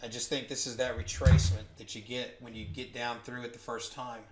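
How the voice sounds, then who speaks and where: A man talks through a live trade, reeling off price ticks and order levels in clipped bursts as if to himself. His voice stays flat and level in pitch throughout, with a mid-range tone for a man. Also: a little fast, slight background noise. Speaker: trader and trading educator. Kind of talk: live trading commentary on screen.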